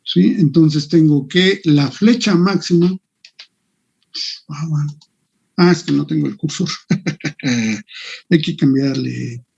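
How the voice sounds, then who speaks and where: A man's voice: on the high side, slow pace, creaky, pauses often, darkish tone, husky, dull audio. A man teaching an online engineering class, thinking aloud and muttering to himself as he works on screen. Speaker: engineering lecturer.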